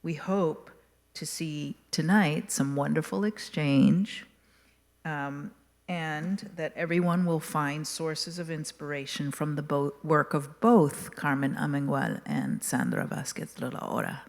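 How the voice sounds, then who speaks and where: A woman's voice: low voice, animated, takes it slowly. A woman introducing a museum event as host, upbeat and formal, reading prepared remarks. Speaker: museum education director, host. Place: museum gallery. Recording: reverberant hall.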